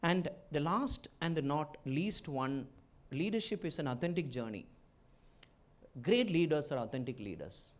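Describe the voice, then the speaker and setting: A middle-aged man from India with a strong Malayali accent, giving a motivational address to students as a guest speaker, in short emphatic phrases with repeated key words. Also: a little high. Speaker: guest speaker, entrepreneur and former chief executive.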